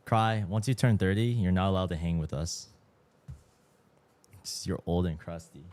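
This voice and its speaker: A man's voice: deep voice, moderate pace, a little mellow. A man in his mid twenties, chatting casually as a livestream host, slangy and swearing freely, sounding tired. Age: 20s. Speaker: streamer.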